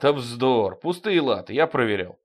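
A man voicing a calm, sly count advising a king in an audiobook. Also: medium pitch, normal speed. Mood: dry.

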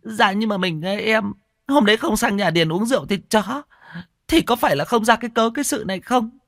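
Whiny village wife, a man doing her voice: high, lamenting, dry sound. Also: sing-song, normal speed, dry recording. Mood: wailing. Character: wailing, self-pitying village wife.

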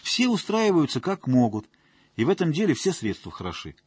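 A man's voice: a little high, huge pitch swings, fairly quick, darkish tone, husky, no room sound, pitched above the performer's own voice, exaggerated voice. A man voicing a drunk, whining woman janitor who fawns and pleads. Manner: wheedling, whiny, ingratiating.

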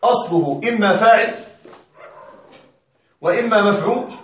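A man teaching Arabic grammar in a classroom, asking his students questions and repeating example sentences slowly. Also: high voice, animated, fairly bright tone. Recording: echoey classroom from far off.

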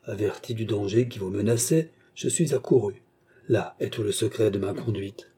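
A man's voice: lowish voice, moderate pace, dark tone, slightly rough. A man voicing a scheming baronet villain who poses as a kind benefactor, talking in an earnest, persuasive way in a French audiobook novel.

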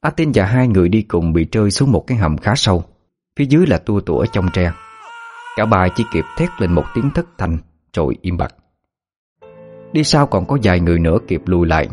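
A man narrating a dramatic folk story in a steady, measured way. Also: low voice, faint music behind.

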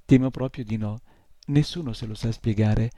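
A man's voice: on the low side, normal speed, mellow, no echo, natural voice. A man voicing a tiny, polite and slightly self-important male creature in a storybook. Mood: polite, earnest.

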